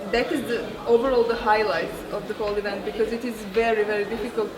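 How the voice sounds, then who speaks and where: A woman's voice: medium pitch, steady tone, fast, noisy background. A woman from Serbia attending a conference, answering earnestly and reflectively with some hesitation. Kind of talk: event feedback interview. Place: busy conference venue. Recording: roomy, distant, loud crowd behind.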